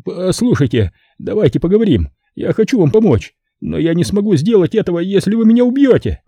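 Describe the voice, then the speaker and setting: A cowering male bar owner babbles and begs in a voice pushed high and thin, put on by a male narrator. The sound is husky and dark at its core, jumping wildly up and down as he grovels. It stays dry and close, like a storybook reading. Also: very animated, fairly quick, dry recording, heavily acted. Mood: pleading. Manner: panicky, high-pitched, begging. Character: terrified pleading male pimp and bar owner.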